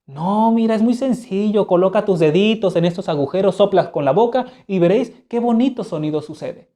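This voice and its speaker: A sly young prince who mocks those around him, as a narrator puts him on. His voice jumps up high and bright with teasing energy, while the underlying tone stays mellow. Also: a little fast, close to an everyday voice. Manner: raised, playful, taunting. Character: young prince, sly and mocking, feigning madness.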